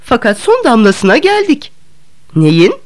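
A woman's voice: fairly high pitch, wildly swooping pitch, measured pace, voice pushed up. A woman reading an audiobook, voicing a blunt, haughty young man who speaks in a curt, condescending way.

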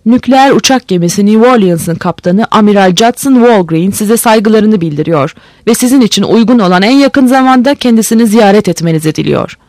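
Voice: mid-range voice, lively intonation, brisk, darkish tone, no room sound, natural voice. A reader voicing a male navy boat captain who gives curt orders and speaks formally.

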